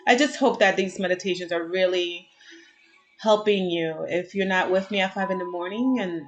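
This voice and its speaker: Slow, chatty woman hosting a meditation. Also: on the low side, rough recording. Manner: chatty and rambling, with many fillers. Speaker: meditation host. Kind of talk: casual voice-over introduction.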